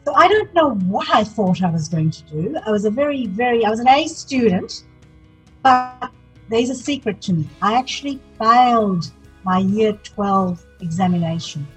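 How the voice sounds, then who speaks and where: A woman in her sixties, from Sri Lanka, tells her story as a podcast guest with a lively, candid manner. Her voice is somewhat husky and pitched a bit high, with faint music underneath. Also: normal speed, poor audio. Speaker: city councillor, guest. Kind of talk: podcast interview.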